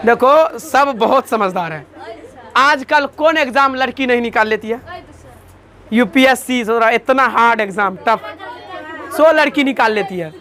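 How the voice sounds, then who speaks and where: A man's voice: extremely high pitch, animated, measured pace, pushed and bright, a faint crowd. A man teaching a class, drilling lists by call-and-response and joking with students. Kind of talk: classroom lecture with memory tricks.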